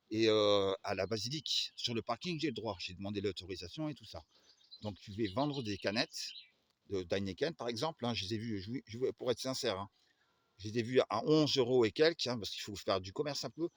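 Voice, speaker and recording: A man's voice: fairly low pitch, no room sound. A man from the Agen area telling a long personal story, hesitant and full of fillers and restarts. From Agen area, southwest France.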